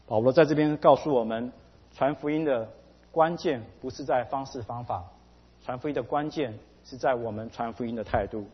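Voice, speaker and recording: A man preaching a sermon in a measured way, pausing often with fillers, recorded dull with a long hall reverb. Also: medium pitch, slightly rough. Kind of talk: sermon with anecdote.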